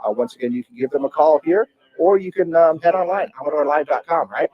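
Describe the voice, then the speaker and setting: A man's voice: fairly high pitch, quick pace, highs cut off. A man hosting a casual live talk show from a restaurant patio, chatty and folksy. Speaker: podcast host.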